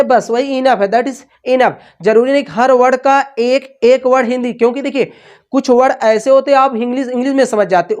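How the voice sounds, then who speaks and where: A woman's voice: high-pitched, darkish tone. A woman teaching English vocabulary for exam prep, with repetitive call-and-response questions, switching between Hindi and English.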